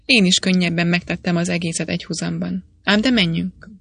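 A woman voicing an older male mining engineer, speaking in a measured, fatherly way. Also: on the low side, steady tone, creaky, fairly bright tone, breathy edge, no echo, exaggerated voice.

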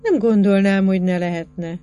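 A woman's voice: medium pitch, dark tone, lightly acted. A woman reading aloud plays a curious young male senator who probes and mocks as he questions a girl. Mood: sly. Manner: probing and mocking.

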